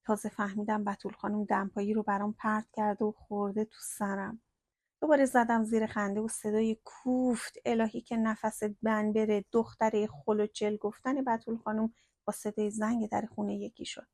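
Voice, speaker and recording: A woman narrating a first-person story in a slow, hushed storytelling manner. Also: mid-range voice, level tone, dry recording, clean studio sound.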